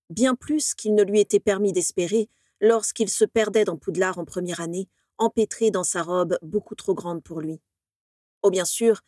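A woman narrating a fan fiction story in a steady, even storytelling voice. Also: mid-range voice, dry recording, clean studio sound. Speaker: reader.

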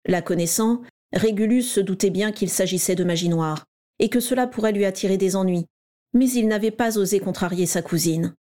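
A woman reading a story aloud in a steady, even storytelling manner. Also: mid-range voice, brisk. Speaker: narrator. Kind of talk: scripted story narration.

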